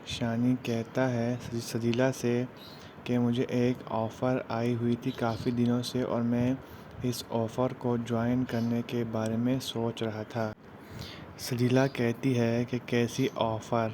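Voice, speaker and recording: Man flatly retelling a drama episode. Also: medium pitch, background noise. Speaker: drama recap narrator.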